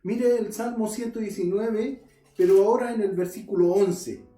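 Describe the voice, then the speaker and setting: A male pastor delivers a sermon, earnestly addressing his congregation and reading scripture aloud. His mellow, fairly high voice moves at a normal speed. The mic is distant, the room echoes, and faint music plays underneath.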